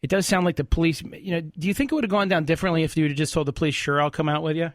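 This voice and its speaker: A man's voice: fairly high pitch, very fast, no room sound, clean studio sound. A man hosting a call-in radio show, casually explaining legal points to a caller. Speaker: radio show host, lawyer. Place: radio studio.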